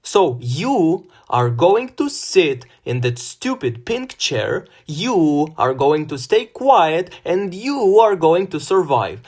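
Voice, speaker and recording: A man voicing a fierce, grieving teenage girl warrior who shouts in desperation. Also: vocal fry, heavily acted. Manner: shouting, desperate, high-strung.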